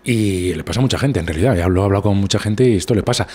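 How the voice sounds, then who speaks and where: Spanish male guest, husky and low, rambling storyteller in casual chat. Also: rapid-fire, a little mellow. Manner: rambling anecdotes with many restarts. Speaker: guest comedian. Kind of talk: casual conversation.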